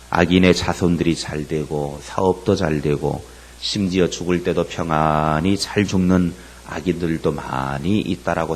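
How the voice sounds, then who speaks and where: A man preaching a sermon on a Bible passage, speaking slowly and deliberately with frequent hesitations. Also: low-pitched, a little hiss or hum. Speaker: pastor. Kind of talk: sermon on scripture.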